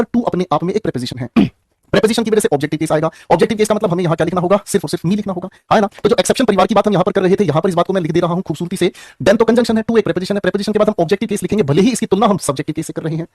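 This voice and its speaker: Young guy w/ teaching english grammar online, super fast talker, jokey, teases kids by name, dry close mic. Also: sits high, a little mellow, no echo. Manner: rapid, joking, teasing students by name. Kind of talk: online class lecture.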